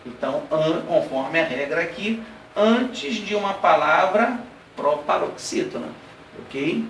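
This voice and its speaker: A man teaching an exam-prep grammar lesson, explaining step by step, checking in with his students and spelling out examples slowly. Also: high voice, lively intonation, a bit bright. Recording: roomy classroom sound, heard from a distance, light background noise.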